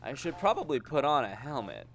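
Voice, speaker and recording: A man's voice: mid-range voice, very animated, fairly quick, a bit bright. A man casually commentating his gameplay, joking, swearing and rambling to his viewers. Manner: jokey, profane, rambling, talks to viewers. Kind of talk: casual let's-play commentary.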